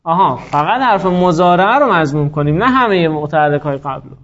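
During a classroom lecture, a man with a notably high, expressive, somewhat bright voice teaches grammar, walking through each rule step by step. He keeps turning to students with questions and calls on them by name. The recording sounds dull and lo-fi.

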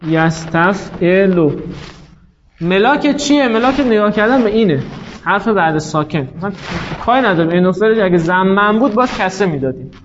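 A man gives a classroom lecture, explaining step by step and posing rhetorical questions he answers himself. His voice sits high and sounds animated, captured on a dull lo-fi recording with a little hiss or hum.

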